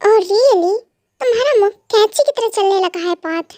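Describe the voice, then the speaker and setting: A woman's voice: very high-pitched, animated, normal speed, mellow. A woman voicing a possessive, menacing young mafia husband in an amateur fan dub, talking in cold, mocking threats and commands. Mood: scolding.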